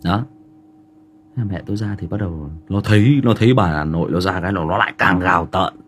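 Northern vietnamese guy chatting to his stream, kinda low voice, goes up and down a lot, faint hiss behind. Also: a little fast. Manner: animated, rambling, frequent filler words. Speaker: livestream host. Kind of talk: casual storytelling to viewers.

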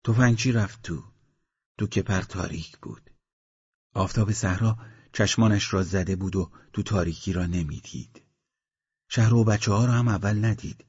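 A man reading a novel aloud as an audiobook narrator, in a measured storytelling manner. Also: on the low side, darkish tone, husky. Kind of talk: scripted narration. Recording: dull lo-fi recording.

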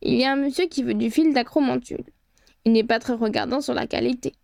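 A woman's voice: fairly high pitch, fast talker, vocal fry, darkish tone, no echo, clean studio sound. A woman voicing a cunning, menacing female harpy clan leader in a storybook reading, speaking in clipped, hissing tones. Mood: blunt.

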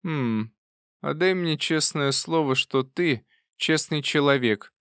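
A man voicing a brisk, bossy old aunt with a fussy, chiding, loud manner. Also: a little high, smooth, no echo, studio quality, pitched above the performer's own voice. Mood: probing.

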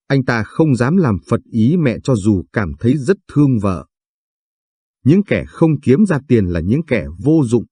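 Low, husky male storyteller. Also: dark tone, dry recording. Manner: solemn, dramatic storytelling. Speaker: narrator. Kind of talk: scripted story narration.

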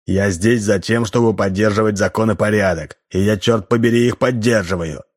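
A man voicing a gruff, stern rural constable who barks orders. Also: fairly low pitch, moderate pace, close to an everyday voice. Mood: barking orders. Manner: barking, stern.

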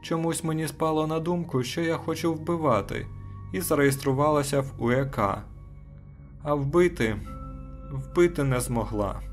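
A man voicing a weary young woman who speaks quietly and flatly, resigned to her fate, in an audiobook reading. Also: on the high side, measured pace, faint music behind, pitched above the performer's own voice, lightly acted.

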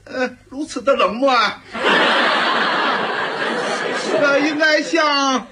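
A preachy old patriarch. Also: male voice, extremely high pitch, slow pace, a loud crowd, very noisy. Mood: lecturing. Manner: preachy, lofty slogans, hesitant fillers. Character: pompous old man who moralizes to his family. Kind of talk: sitcom acting.

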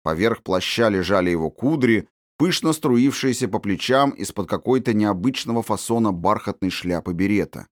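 A man narrating a storybook in a measured, descriptive reading. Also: lowish voice, expressive, dry recording, studio quality. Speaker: audiobook narrator.

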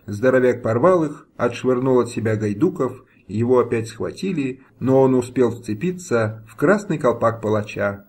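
A man reading a historical novel aloud as an audiobook narrator, in a steady, dramatic manner. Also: mid-range voice, moderate pace, hardly any pauses.

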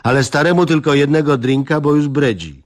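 A man doing a shrill bossy village wife. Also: a little fast, lightly acted. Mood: scolding. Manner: scolding, superior.

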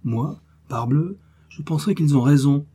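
A blustering older nobleman in a storybook, exclaiming and protesting loudly in a voice pushed higher than the reader's own, as a male narrator puts him on. There is a husky, dark grain underneath the bluster. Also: moderate pace. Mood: grumbling. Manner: exclaiming, indignant. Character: blustering older aristocratic father, quick-tempered.

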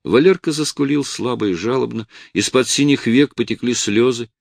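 A man narrating an audiobook with expressive storytelling. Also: mid-range voice, moderate pace, creaky, dry recording, clean studio sound. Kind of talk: scripted narration.

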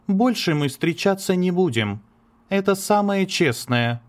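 A man voicing a cold, tormented young woman, curt and sharp, in an audiobook. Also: high-pitched, expressive, a little slow, pitched above the performer's own voice. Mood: cold, bitter. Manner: sharp, curt, breaking into sobs. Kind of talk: audiobook character reading.

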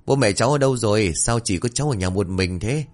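A man voicing a kindly village man near fifty who coaxes a child gently and argues stubbornly with his wife. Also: on the low side, fast talker, natural voice. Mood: coaxing. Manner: gentle, coaxing, then stubborn and defensive.

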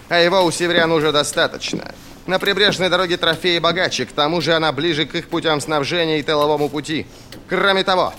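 A man's voice: fairly high pitch, bright, forceful tone, a little hiss or hum, pitched above the performer's own voice. A man voicing a stern, curt older army commander in an audiobook, speaking bluntly and with authority.

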